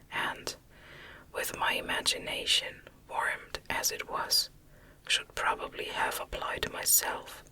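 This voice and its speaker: For ASMR, a woman narrates a classic novel in a soft, breathy, unvoiced whisper that stays hushed and measured, close to the microphone. The recording is rough.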